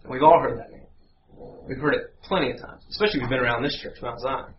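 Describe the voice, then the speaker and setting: A man telling a lively story in a sermon, acting out voices and sound effects as he goes. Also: mid-range voice, fast talker. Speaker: guest preacher. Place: church sanctuary. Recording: echoey church, dull sound, faint hum.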